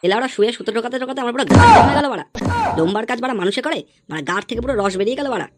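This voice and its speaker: A woman voicing a crude, hot-tempered father in a cartoon, who swears constantly and yells threats at his son. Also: a little high, lively intonation, rapid-fire, loud music behind the voice, natural voice. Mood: grumbling. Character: crude hot-tempered middle-aged father, foul-mouthed. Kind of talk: cartoon voice acting.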